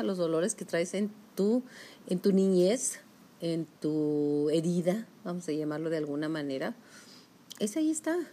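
A woman's voice: on the low side, a little mellow. A woman giving a self-help talk, speaking emphatically and straight to the listener. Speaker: motivational speaker.

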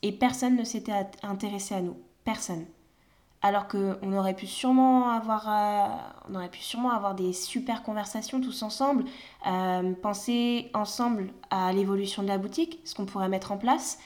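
Young woman, mid-pitch, relaxed conversational storyteller. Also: moderate pace. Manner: emphatic, hesitant storytelling. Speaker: former retail saleswoman. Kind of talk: casual chat.

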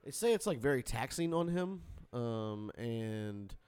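A man's voice: medium pitch, expressive, a little slow, darkish tone, clear, resonant tone, no echo. A man hosting a radio show in casual, jokey banter with his co-hosts.

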